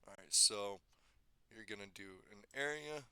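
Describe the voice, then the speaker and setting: A man giving a casual screen-recorded software tutorial, thinking aloud and correcting himself as he goes, slightly losing his voice. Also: lowish voice, a little slow, clean tone. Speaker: tutorial maker.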